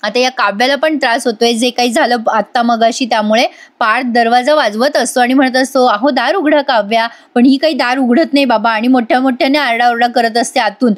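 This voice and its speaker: A woman recaps a TV serial episode in a chatty voice-over, commenting warmly on the characters. Her voice is high-pitched and conversational. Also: steady tone, brisk. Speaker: TV serial reviewer.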